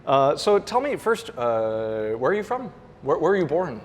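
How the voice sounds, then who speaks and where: A man's voice: a little high, very animated, normal speed, big-room sound, slight background noise. A man hosting a casual podcast interview with his neighbor, chatty and teasing, laughing easily. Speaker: podcast host. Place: apartment building.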